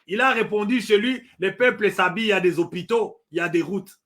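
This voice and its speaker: Impassioned Congolese man, high voice. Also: brisk, fairly bright tone. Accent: Congolese French. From Democratic Republic of the Congo. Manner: emphatic, repeats points, hesitant fillers. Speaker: political commentator. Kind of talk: impassioned political commentary.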